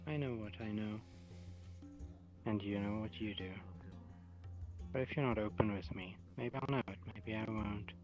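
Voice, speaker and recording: A man playing a stern, veiled-threatening superior in an online role-play game, measured and formal. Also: lowish voice, over music, close to an everyday voice, low-quality recording. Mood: coolly stern. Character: stern, veiled-threatening male superior inspecting his staff.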